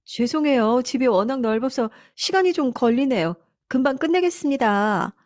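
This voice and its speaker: A woman's voice: sits high, lively intonation, moderate pace, darkish tone, dry recording, clean studio sound, voice pushed up. A woman voicing a humble middle-aged housekeeper who speaks politely and apologetically. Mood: apologetic. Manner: polite, deferential.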